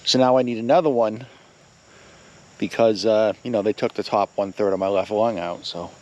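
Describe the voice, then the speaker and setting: A man's voice: lowish voice, fairly even intonation, moderate pace, darkish tone, dull audio. A middle-aged man, rambling casually and a little out of breath as he films a walk around his rural yard. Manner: rambling, filler-heavy, plain-spoken. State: slightly out of breath. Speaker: vlogger. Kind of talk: casual walking vlog. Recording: faint outdoor noise with crickets.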